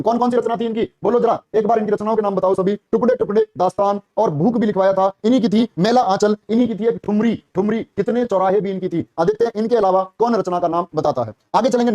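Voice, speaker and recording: A Hindi teacher prepping students for the police exam runs a live online class, quizzing them quickly, repeating each answer, and encouraging them with praise while calling them brother and child. His voice is high and mellow and he talks fast. The recording is dry and close, with no surrounding room.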